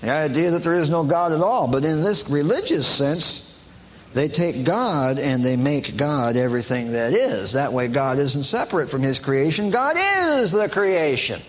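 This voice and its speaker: Animated man preaching in an echoing hall. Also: normal speed. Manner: animated, mimics others in high mocking voices. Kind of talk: lively sermon talk. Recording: long hall reverb, faint background noise.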